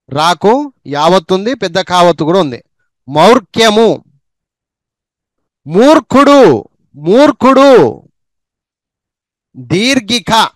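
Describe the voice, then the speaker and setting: A man teaching reading who says each word slowly two or three times and adds quick asides on how to practise. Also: high-pitched, fairly bright tone, dry recording. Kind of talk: slow spelling and pronunciation drill.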